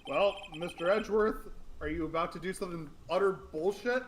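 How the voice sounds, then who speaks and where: A man's voice: high-pitched, fairly quick, slight background noise, natural voice. A man voicing a pompous, easily swayed courtroom judge in a comedic game dub, speaking formally. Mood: scornful. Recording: music behind the voice.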